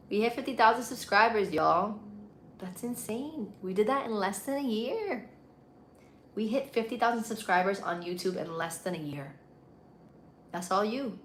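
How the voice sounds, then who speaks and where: A woman's voice: mid-range voice, a bit bright, a little hiss or hum. A woman with a Puerto Rican accent hosting a casual live stream, chatting with viewers in an informal, slangy, playful way. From Puerto Rico. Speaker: livestream host.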